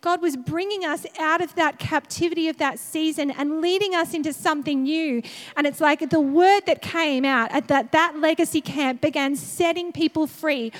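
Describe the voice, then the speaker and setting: A woman in her thirties preaching in a church hall, her very high voice carrying a long reverb. She tells a personal story in an animated way and laughs often as she goes. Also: moderate pace. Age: 30s.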